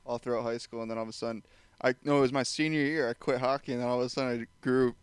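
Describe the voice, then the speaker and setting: A man's voice: medium pitch, fairly even intonation, very fast, clear, resonant tone, no room sound. A man co-hosting a casual podcast chat, hesitant and trailing off as he talks. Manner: hesitant, trails off, laughs often. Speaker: podcast co-host.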